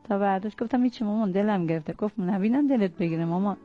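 A middle-aged woman, a mother, recalling her son in an earnest, tearful way as she tells the story. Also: mid-range voice. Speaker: mother of a fallen soldier. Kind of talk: emotional personal recollection. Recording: muffled lo-fi audio with faint music.

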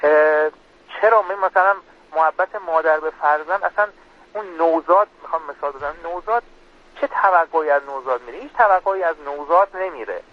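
Man, earnest religious explainer, fairly high voice, dull lo-fi radio sound. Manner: earnest, explanatory, quotes Arabic prayer. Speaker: religious guest speaker.

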